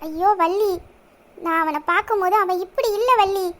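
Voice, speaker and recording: A woman voicing a heartbroken, confused young village woman who speaks softly and hesitantly. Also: very high-pitched, normal speed. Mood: pleading. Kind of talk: Tamil village audio drama.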